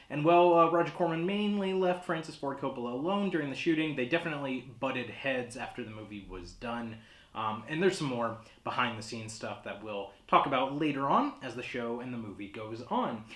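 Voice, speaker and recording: Animated male horror host, awkward and roomy. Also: medium pitch, brisk. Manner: awkward, hesitant, rambling comic delivery. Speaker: horror host of a holiday movie show. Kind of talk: casual horror-host presenting. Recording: roomy, echoey sound.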